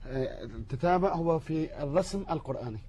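A man's voice: on the high side, animated, a little fast, dark tone, husky. A man in the studio asking the teacher short questions, repeating words to check them. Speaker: student in the studio.

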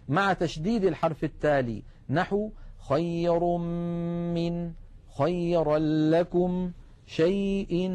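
A man teaches recitation rules in a steady, explanatory way, drawing out example words slowly. His voice sits a little high for a man. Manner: measured, explanatory, slows to spell out examples. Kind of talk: televised tajweed lesson.

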